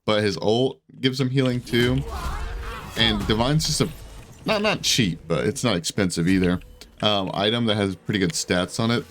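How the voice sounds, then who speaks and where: With a fairly low voice at normal speed, this man offers loose, rambling gameplay commentary as a gaming YouTuber. He talks slangy gamer talk, pokes fun at himself, says "dude" and "bro," and sounds congested, his voice slightly giving out.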